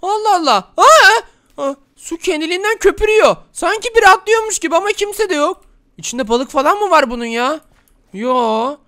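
A man voicing an excitable, easily scared grown man in a Minecraft role-play, shrieking and whining in panic. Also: very high voice, exaggerated voice. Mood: grumbling, puzzled. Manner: shrieking, whiny, quick to panic. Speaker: game video host.

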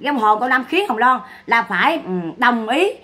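A woman's voice: a little high, animated, brisk, fairly bright tone. A woman giving mocking, scolding gossip commentary. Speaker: online commentator.

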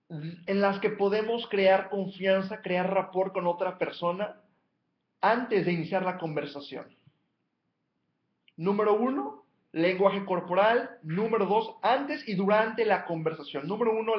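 A man's voice: high voice, echoey room, highs cut off. A man giving a motivational coaching talk, emphatically counting off numbered steps and repeating his key points. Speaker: life coach.

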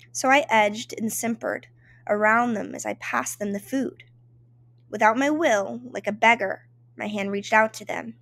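A woman's voice: a little high, a bit bright. Woman reading a memoir aloud emotively. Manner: emotive, dramatic storytelling. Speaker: reader.

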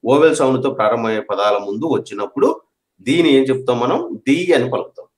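A man's voice: mid-range voice, expressive, quick pace. A man teaching an English grammar lesson, repeating each point and checking that his students understand. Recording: echoey room.

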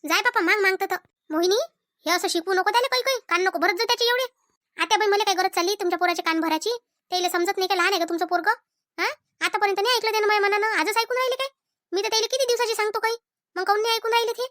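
A woman's voice: extremely high pitch, very fast, dry recording, studio quality. A woman voicing a nagging middle-aged mother-in-law in a cartoon. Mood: scolding. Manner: nagging, sharp retorts.

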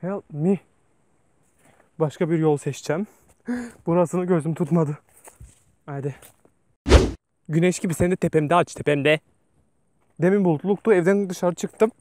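Guy with a high voice filming himself walking in the woods, nervy and jokey, chatting to the camera. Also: fairly even intonation, normal speed, pauses often, a little mellow, a little hiss or hum. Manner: jittery, joking, talks to himself and viewers. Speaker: vlogger. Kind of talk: casual vlog while hiking alone. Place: forest outdoors.

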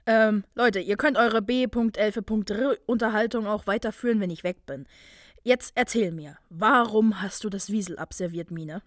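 A woman's voice: mid-range voice, normal speed, dry recording, studio quality, close to an everyday voice. A woman voicing a cocky, teasing young male wizard student. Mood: mocking. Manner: loose, teasing, mocking.

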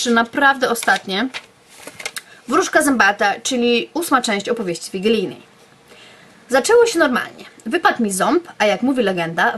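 A young woman with a slightly high voice reads her own childhood bedtime stories aloud. She tells them playfully and breaks off now and then for casual asides to her viewers. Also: fairly bright tone, slightly rough. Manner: playful storytelling with offhand asides. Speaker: YouTuber.

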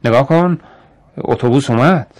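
A man's voice: mid-range voice, a little mellow, natural voice. A man voicing a stout, kindly peasant mother in a radio story, speaking in a raised, pleading tone.

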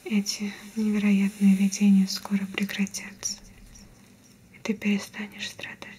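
A young woman voicing a mystical sea-cult priestess in a whispered role-play, speaking in a hushed, solemn, reassuring way over background ambience. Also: mid-range voice, completely flat delivery. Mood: soothing, reassuring. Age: young adult. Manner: slow, hushed, reverent, reassuring. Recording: whispered recording with clear background noise, ambience.

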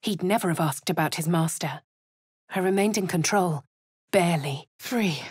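Voicing a posh young female adventurer for a game, a woman with a posh English accent swings between quiet inner narration, hushed whispers and shouted incantations, all with a brooding mood. Her lowish voice has a breathy edge and a moderate pace. It's studio quality, with no room sound.

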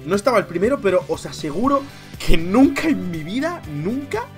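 A man's voice: high-pitched, a little fast, soft background music. A young man from Spain with a Spanish accent, chatting casually and jokily as he reads viewer comments in a vlog, laughing often. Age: young adult. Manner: animated, jokey, laughs often, says "tío" a lot. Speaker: youtuber.

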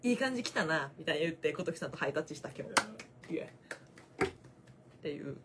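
A woman's voice: low voice, flat delivery, fast, heavy background noise. A young woman with a Kansai accent, chatting and teasing on a casual phone livestream, laughing often. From Osaka, Japan. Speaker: volleyball player on a fan livestream.

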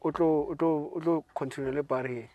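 A man's voice: fairly high pitch, steady tone, fairly quick, dark tone, no room sound, highs cut off. A young man with a South African accent hosting a conversational interview in a car, giving advice and mixing English phrases into local speech. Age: young adult. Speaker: host and interviewer. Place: inside a parked car. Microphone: handheld microphone and lapel mic.

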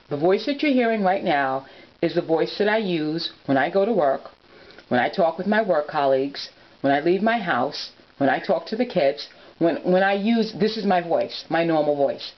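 An adult woman YouTuber giving a casual how-to talk to camera, explaining things earnestly, step by step. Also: lowish voice. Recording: dull lo-fi home recording.

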